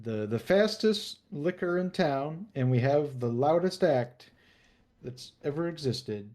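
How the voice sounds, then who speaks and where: A man voicing a boastful gnome bar owner in a tabletop game, with a halting sales pitch. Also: lively intonation, a little mellow. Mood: salesy. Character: slimy male gnome bar owner, boastful would-be charmer.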